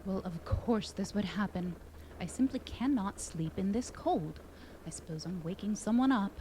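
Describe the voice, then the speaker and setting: Woman playing a prim put-upon rich lady, mellow tone, storybook vibe. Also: mid-range voice, animated, normal speed, a little hiss or hum, natural voice. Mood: irritated. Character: proud, sheltered lady of a mansion.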